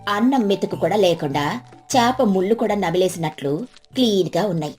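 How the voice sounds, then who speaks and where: A woman's voice: mid-range voice, expressive, brisk, a little mellow, soft background music, voice pushed down, lightly acted. A woman voicing a sarcastic village elder's wife in a storybook tale.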